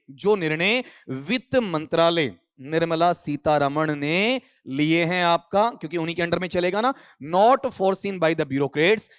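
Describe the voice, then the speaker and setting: A man's voice: sits high, no room sound, studio quality. A man teaching English grammar for exams, speaking mixed with English terms and quizzing students with questions. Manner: mixes Hindi with English terms. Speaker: English teacher for exam prep. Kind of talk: online exam coaching lecture.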